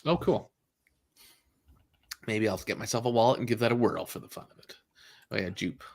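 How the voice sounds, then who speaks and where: A man's voice: fairly low pitch, normal speed, gravelly. A man hosting a casual livestream chat, rambling with many fillers and apologies, and laughing often. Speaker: livestream host.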